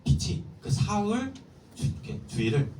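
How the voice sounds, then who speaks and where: Lively, quizzing youth preacher in an echoey hall. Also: male voice, sits high, a little slow, noisy background. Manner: lively, keeps quizzing the listeners. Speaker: youth pastor. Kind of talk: sermon to middle schoolers. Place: church hall. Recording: echoey hall, mic far off, faint ambience.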